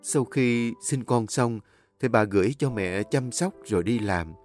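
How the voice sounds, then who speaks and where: A man narrating a dramatic story in an expressive, emotive way. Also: mid-range voice, a little slow, faint music behind.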